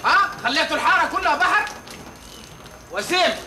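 An actor playing a hot-headed young man who shouts, whines and threatens revenge. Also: very high voice, expressive, fairly quick. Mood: complaining. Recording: echoey, noisy old TV audio.

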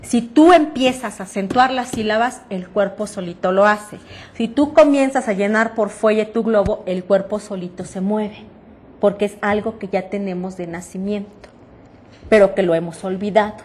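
A woman with a husky, somewhat dark mid-range voice speaks at a moderate pace. She leads a reading-aloud workshop with a Mexican Spanish accent, patiently teaching breathing and projection and frequently checking that her students are following.

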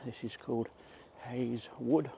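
Walking outdoors in a country park, this middle-aged vlogger keeps up an easygoing walk-and-talk chat. He speaks in a dark, creaky mid-range voice at a measured pace, his tone steady throughout. The outdoor background noise is faint.

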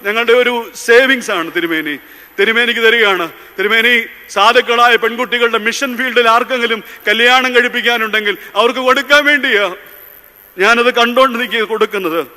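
Fiery high-voiced priest preaching. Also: male voice, normal speed, bright, forceful tone. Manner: impassioned, repeats lines for emphasis, mixes in English phrases. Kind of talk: sermon. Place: large convention hall. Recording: long reverb of a large hall.

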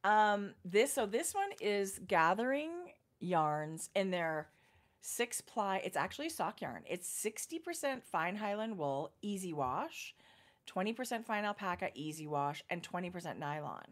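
A middle-aged woman chatting casually as a knitting podcast co-host, explaining her projects in detail with pauses and fillers. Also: mid-range voice, sing-song. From Canada. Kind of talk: casual chat.

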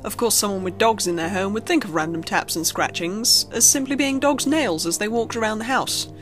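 Speaking briskly in a mid-range voice, a woman expressively reads a scripted creepypasta horror story as its narrator, with music playing behind her.

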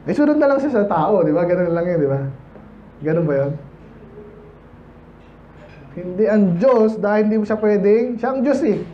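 A high-pitched man with a Filipino accent preaches a Baptist sermon in a conversational way. He asks the congregation for responses and acts out other people in a higher voice. The church recording sounds dull, with faint background noise. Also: animated, normal speed, pauses often. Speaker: pastor.

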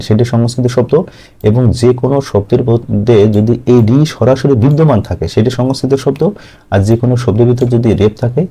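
A man's voice: mid-range voice, warm tone. A man teaching a grammar lesson for exam students, explaining step by step and answering his own questions.

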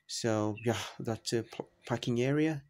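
A man narrating a travel vlog, describing the view in a halting way, with many fillers and restarts. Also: mid-range voice, darkish tone. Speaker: travel vlogger.

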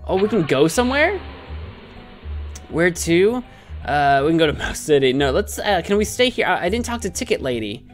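A man's voice: a little high, big pitch swings, normal speed. A man in his thirties giving playful let's play commentary, goofily musing aloud into a close mic. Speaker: host, gaming streamer. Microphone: close desk microphone on webcam stream. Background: faint game music.

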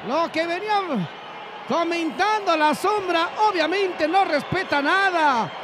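A man with a Mexican Spanish accent giving excited, dramatic, emphatic lucha libre wrestling commentary. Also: very high-pitched, unhurried. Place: large indoor wrestling arena. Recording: loud arena crowd noise behind.

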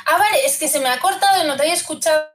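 High-voiced Spanish woman streamer. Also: very fast, fairly bright tone. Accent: Spanish, mixed Madrid, Zaragoza and Andalusian traces. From Spain. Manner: chatty, laughs often, lots of fillers. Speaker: guest streamer. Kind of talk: casual chat.

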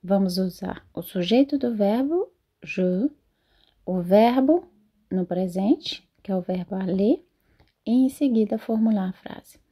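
A woman teaching French in a slow lesson, repeating model sentences carefully. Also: medium pitch, animated, dark tone, husky. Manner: repeats phrases slowly and carefully. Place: lives in Europe.

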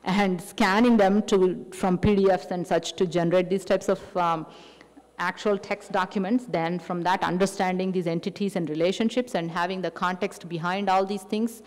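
A woman's voice: lowish voice, steady tone, normal speed. A woman with an Indian accent giving a technical lecture, explaining step by step with frequent fillers and restarts. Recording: echoey hall with long reverb.

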